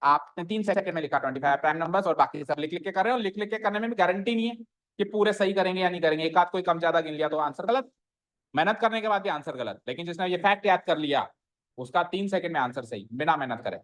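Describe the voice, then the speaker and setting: A man's voice: high voice, fast, fairly bright tone. A male maths teacher giving a classroom lesson, asking the students questions and repeating their answers back to them, with English maths terms mixed into his talk.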